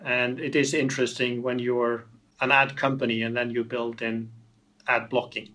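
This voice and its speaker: An Icelandic man, a tech company founder appearing as a guest, answers interview questions. His voice is medium-pitched, level and sharp at a normal speed, and he often repeats words as he restarts sentences.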